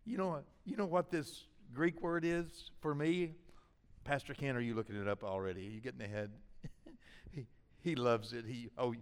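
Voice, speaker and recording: A man's voice: medium pitch, moderate pace, smooth. Older male preacher in a reverberant hall. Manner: preacherly, swings between loud build-ups and hushed asides. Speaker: pastor. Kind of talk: sermon.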